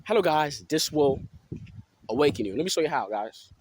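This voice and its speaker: A man's voice: fairly high pitch, expressive, moderate pace, darkish tone, slight background noise. Rambling casual man musing aloud. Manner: rambling, filler-heavy, keeps asking "you know what I'm saying". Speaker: spiritual vlogger. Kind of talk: casual motivational talk.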